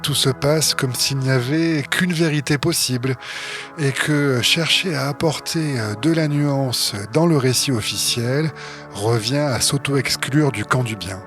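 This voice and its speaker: A man co-hosting a podcast, reading scripted narration and bantering in a measured, explanatory way with dry humor. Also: mid-range voice, a bit bright, faint music behind. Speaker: podcast co-host.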